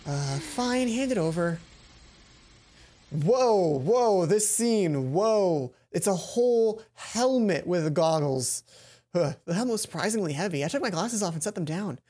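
With a high-pitched yet darkish voice, this young man reads a visual novel aloud in an animated way, a little on the slow side. He's a let's play streamer on a headset mic, playful, self-mocking, and prone to stumbling over words. Game music runs in the background.

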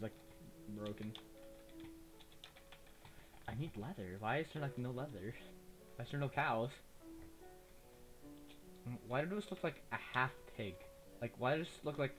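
A young man with a slight lisp rambles casually through a let's play, chatty and easily distracted, as a gaming YouTuber. He uses a cheap desktop microphone, and the low-quality recording carries faint noise.

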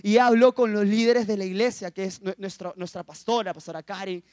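A young man in his twenties shares a personal testimony with a school assembly. His voice sits high for a man, and he tells the story with emotion, acting out the quotes as he goes. The sound is close and dry. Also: fairly even intonation, a little fast, darkish tone, no echo. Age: 20s. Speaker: youth speaker.

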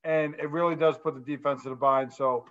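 A man hosts a basketball coaching interview, answering his guest with upbeat, affirming remarks. His voice sits a bit high for a man, and it comes through dull and lo-fi over the call. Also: fairly even intonation, a little fast, a bit bright. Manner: enthusiastic, affirming. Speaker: show host. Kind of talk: casual interview chat.

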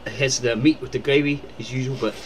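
A man's voice: medium pitch, fairly even intonation, brisk, a little hiss or hum, poor audio. A man rambling casually in a birthday video, full of fillers, recorded indoors at home. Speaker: uncle making a birthday video.

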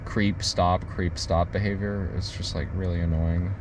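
Deep-voiced young man, loose chatty talk. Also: level tone, unhurried. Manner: loose, lots of "like", mildly irritated. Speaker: self-driving car engineer riding along. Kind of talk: casual chat. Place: back seat of a moving car at night. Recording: road noise inside a car.

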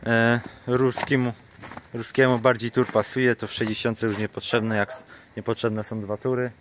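A man's voice: medium pitch, level tone, moderate pace, a little hiss or hum. A man vlogging outdoors on a small farm, chatting casually to the camera and coaxing his animals in a sing-song voice.

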